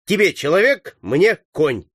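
A bold teenage leader barks commands at his comrades, as a male reader puts him on. The voice is pitched up above the narrator's own and pushed loud. The recording is close and dry, with no room sound. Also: sing-song, a little slow, breathy edge, no echo, heavily acted. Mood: shouting orders. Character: bold teenage boy leader of young fighters.

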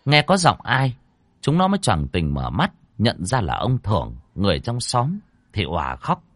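A man's voice: fairly low pitch, huge pitch swings, normal speed, a bit bright, no room sound, studio quality. A man narrating a ghost story dramatically, voicing each character himself. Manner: dramatic, acting out every character.

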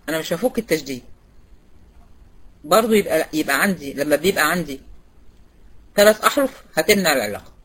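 Egyptian woman, teacher, quick speech, husky voice, quizzes students, repeats points. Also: fairly low pitch, a bit bright. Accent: Egyptian Arabic. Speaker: Quran recitation teacher. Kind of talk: online class lecture.

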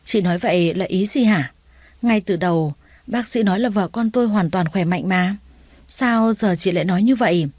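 A woman voicing an anxious, quick-tempered young husband who speaks in urgent outbursts. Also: mid-range voice, a little mellow, no echo, natural voice. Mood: agitated.

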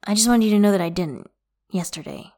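A woman voicing a tired, upset young man who speaks softly in a muted, shaky voice, in an audiobook reading. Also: medium pitch, unhurried. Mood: subdued.

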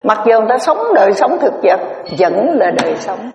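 A Buddhist nun, giving a storytelling dharma talk in a conversational, winding way with many filler words. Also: female voice, mid-range voice, animated, fairly quick, creaky, a little mellow, slight background noise. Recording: echoey hall, distant mic, dull lo-fi sound.

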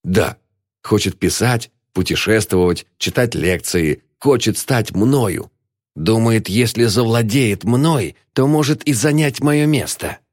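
A man's voice: fairly low pitch, expressive, slow pace, no echo, studio quality, voice pushed up. A man voicing a frail, frightened old male philosopher in an audiobook, talking in gasping, breathless whispers. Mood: trembling. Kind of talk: audiobook reading.

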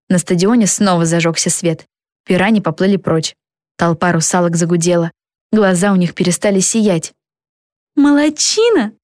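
Woman narrating a storybook, lively, dry close recording. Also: fairly low pitch, no echo. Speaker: audiobook narrator.

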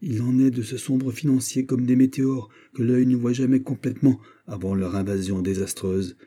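Loyal confidant read by a man; dark, husky, grave and urgent. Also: mid-range voice, fairly even intonation, moderate pace, close to an everyday voice. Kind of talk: audiobook character reading.

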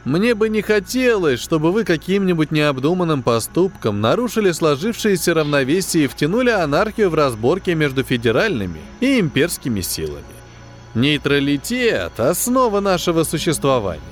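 A man reading an audiobook, voicing a plump, smug male space-station quartermaster who talks in a condescending, falsely sympathetic, drawn-out way. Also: on the high side, big pitch swings, faint music behind, voice pushed up. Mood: smug, patient. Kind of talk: audiobook character voice.

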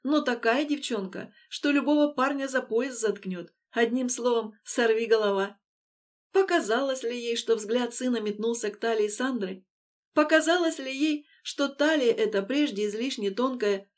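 Brief: a female audiobook reader, a bit higher-pitched than most, with measured, emotive storytelling. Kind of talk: scripted audiobook narration.

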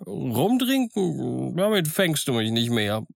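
A man voicing a childlike, excitable old castaway sailor who has gone half mad alone, in an eager, wheedling, sing-song way. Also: medium pitch, slow pace, gravelly, no room sound, clean studio sound, voice pushed up, full character voice. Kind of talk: audiobook character voice.

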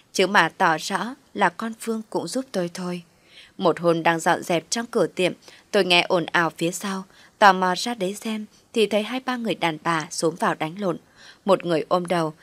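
A woman narrating a first-person story in a steady, reflective way. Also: on the low side, no room sound.

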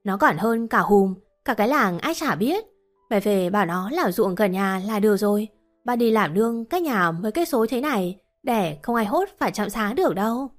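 A woman's voice: medium pitch, lively intonation, normal speed, natural voice. A woman voicing a blunt, scolding but caring old village woman, over faint music.

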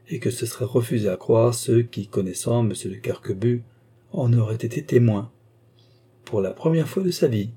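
A man reading a classic novel aloud as an audiobook narrator, in measured, even storytelling. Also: mid-range voice, slightly rough. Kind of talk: scripted narration.

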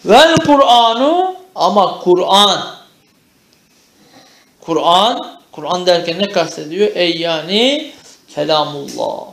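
A man's voice: high-pitched, takes it slowly, creaky, pauses often, fairly bright tone. A man with a Turkish accent teaching a classroom lesson, reading Arabic phrases aloud, translating each one and quizzing his students. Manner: reads a phrase then translates and questions the class. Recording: echoey room.

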